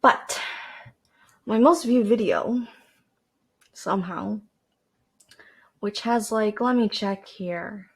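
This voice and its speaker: A woman's voice: medium pitch, slow, creaky, long pauses, husky. Young canadian woman just rambling on her podcast, chatty, self-deprecating, lots of likes and restarts, desk mic. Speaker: podcast host. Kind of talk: casual rambling monologue. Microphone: desk microphone with a cord.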